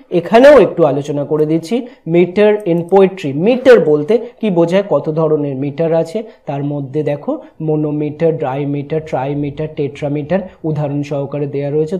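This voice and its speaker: Mellow-voiced teacher explaining exam topics. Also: male voice, a little high. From Bengal. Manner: explains steadily, filled with "uh" pauses, mixes English terms into Bengali. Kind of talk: exam suggestion lecture.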